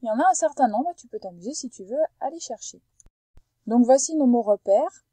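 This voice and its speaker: A woman teacher giving a phonics lesson to a young pupil, patiently spelling out sounds and stretching words slowly and carefully. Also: a little high, lively intonation, dark tone, slightly rough, no echo, poor audio. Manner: slow, careful over-articulation of sounds for a child.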